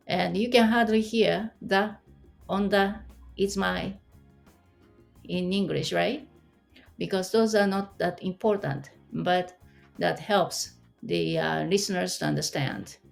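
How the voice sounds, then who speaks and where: Slow, gravelly-voiced woman teacher. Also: medium pitch. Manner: patient, explanatory, asks the listener questions. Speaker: Japanese language teacher. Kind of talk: online language lesson.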